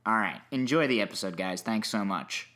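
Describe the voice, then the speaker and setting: A man's voice: lowish voice, expressive, moderate pace, bright, forceful tone. A man giving a casual, apologetic and self-deprecating introduction as a podcast host.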